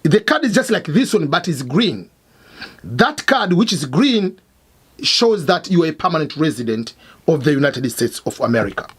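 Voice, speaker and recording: A man's voice: a little high, very animated, moderate pace, slightly rough. A middle-aged man from Tanzania, host of an explainer channel, teaching emphatically and repeating key points. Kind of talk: explainer lesson. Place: Missouri, United States.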